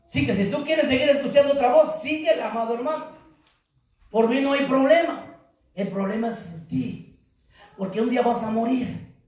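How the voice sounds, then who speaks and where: A man preaching a sermon as pastor, rising into shouts and calling for congregation responses. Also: very high voice, normal speed. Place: church hall. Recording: very echoey hall, mic far off.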